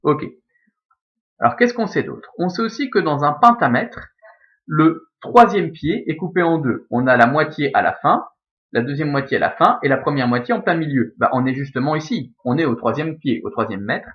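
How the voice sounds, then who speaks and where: A man with a Belgian French accent teaching a Latin lesson, explaining each step slowly and methodically with lots of repetition. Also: a little high, lively intonation. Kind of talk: screen-recorded lesson explaining Latin scansion. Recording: slightly dull lo-fi recording.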